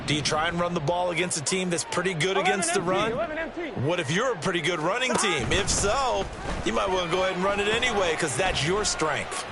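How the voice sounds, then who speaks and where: A man's voice: high voice, brisk, very noisy, close to an everyday voice. An American man giving conversational, explanatory color commentary as a football analyst in a video game. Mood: engaged, explanatory. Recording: loud stadium crowd and music behind.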